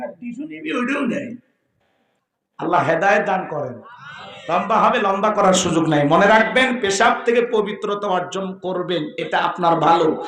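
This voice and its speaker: Bright, high-pitched preacher, man. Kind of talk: Islamic waz sermon. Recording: echoey loudspeaker sound at a gathering.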